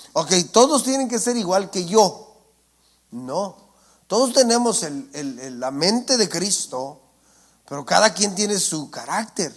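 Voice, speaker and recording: A male preacher, giving a sermon and often asking his congregation "¿entiende?". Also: sits high. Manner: asks the congregation for assent, calls them brothers. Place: church.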